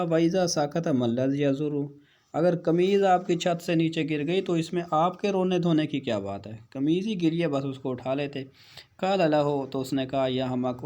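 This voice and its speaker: A man teaching an Arabic textbook lesson, reading each Arabic line slowly and then explaining it in Urdu with casual teacherly asides. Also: on the high side, dark tone. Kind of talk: lecture reading and translating Arabic text.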